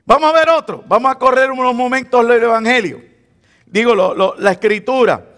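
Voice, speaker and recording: A man's voice: very high voice, moderate pace, a bit bright. A man with a Puerto Rican Spanish accent, preaching a sermon as pastor in a conversational, teasing way. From Puerto Rico. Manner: conversational preaching, teasing the congregation, acting out quoted believers.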